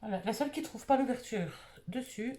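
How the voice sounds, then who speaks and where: A woman's voice: fairly high pitch, lively intonation, brisk, mellow. A married woman from France, casually reviewing beauty products she bought and thinking aloud with lots of fillers. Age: adult, married. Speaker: beauty vlogger.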